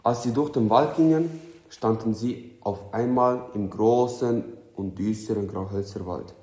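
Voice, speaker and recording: A young man reads a story aloud in a plain, unpolished way, slipping on words and fixing them as he goes. His voice sits on the low side. The recording sounds roomy and echoey, as if made in a bare room. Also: measured pace, darkish tone. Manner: plain reading with slips and self-corrections. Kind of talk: reading a self-written story aloud. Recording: roomy echo.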